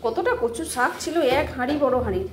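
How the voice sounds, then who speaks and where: A woman's voice: sits high, expressive, quick pace, background noise. A woman in her thirties with a Bengali accent, chatting casually in a home vlog, rambling and coaxing her child while she cooks. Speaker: vlogger, mother. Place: home kitchen.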